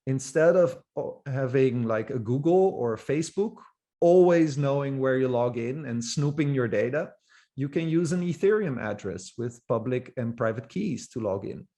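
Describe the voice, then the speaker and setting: A man's voice: medium pitch, a little mellow. A man from the Netherlands, giving an informal, enthusiastic presentation as a guest speaker, with occasional restarts. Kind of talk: presentation talk.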